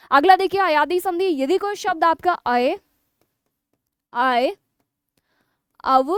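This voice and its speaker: A woman with a very high voice teaches an exam-prep grammar class. She keeps putting questions to her students and answering them herself. The sound is close and dry, with no room echo.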